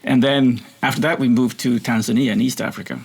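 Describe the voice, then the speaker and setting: A Swedish man with a somewhat American accent speaks as an interview guest. His voice is deeply gravelly and husky, and he talks in an earnest, reflective way. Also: fairly even intonation, fairly quick. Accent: American-sounding, from international schools. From Sweden. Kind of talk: conversational interview.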